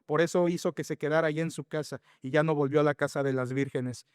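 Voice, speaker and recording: A man's voice: on the high side, fairly even intonation, quick pace, clear, resonant tone, dry recording, studio quality, long reverb tail. A man preaching an expository sermon to his congregation as pastor, earnest and emphatic, often asking rhetorical questions and speaking straight to his listeners. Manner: addresses the congregation directly. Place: church sanctuary.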